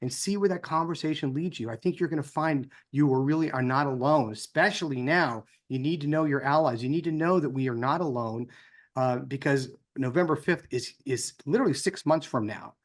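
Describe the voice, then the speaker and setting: Talking a little fast in a medium-pitched voice, an American co-founder gives a casual, conversational speech built around personal anecdotes, voicing the dialogue as he tells them.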